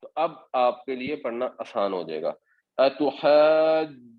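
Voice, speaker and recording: A man's voice: mid-range voice, big pitch swings, dull audio. A man giving a Quran commentary lesson, explaining patiently step by step. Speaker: Quran teacher.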